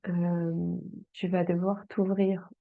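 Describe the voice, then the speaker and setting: A woman reads tarot cards for her viewers at an unhurried pace, often pausing on fillers as she speaks straight to the listener. Her voice sits on the low side. The sound is dry and narrow, like a phone line. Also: level tone, vocal fry, dry recording. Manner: slow, hesitant, with many fillers, speaking directly to the viewer. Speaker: tarot card reader.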